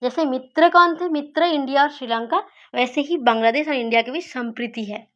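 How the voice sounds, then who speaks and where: High-pitched female tutor, patient and repetitive, poses and answers her own quiz questions; muffled lo-fi audio. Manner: repeats key words slowly, asks and answers her own questions. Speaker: teacher of memory tricks. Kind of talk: explaining study mnemonics.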